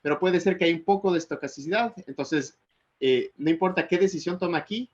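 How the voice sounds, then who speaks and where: A man's voice: high-pitched, fairly quick, muffled recording. A man from Ecuador giving an online technical lecture, hesitating often with fillers and restarts.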